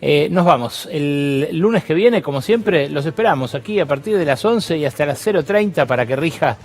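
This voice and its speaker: A man's voice: fairly high pitch, expressive, moderate pace. Argentine male host, conversational. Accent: Rioplatense Spanish. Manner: conversational, prompting with questions. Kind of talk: interview hosting.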